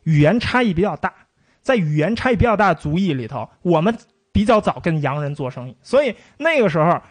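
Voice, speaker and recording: A man with a high, bouncy voice gives a relaxed history talk and hams up odd pronunciations as he goes. The sound is close and dry, with no room around it. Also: a little fast, no room sound. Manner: lively storytelling with playful mock pronunciations. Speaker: history lecturer. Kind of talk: casual spoken history lecture.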